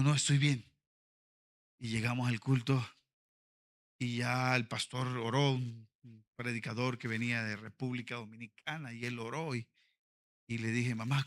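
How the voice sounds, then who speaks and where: A male pastor, preaching a sermon in an auditorium. He moves from quiet storytelling to fervent, shouted passages. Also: mid-range voice. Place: convention auditorium.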